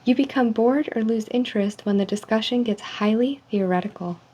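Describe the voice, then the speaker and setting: Casting: woman, soft and dark-toned, ASMR customer service role-play, measured survey reading, faint background noise. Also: a little high. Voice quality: soft, hushed. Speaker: ASMR role-player as call center agent giving a personality survey. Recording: dull lo-fi sound with faint noise.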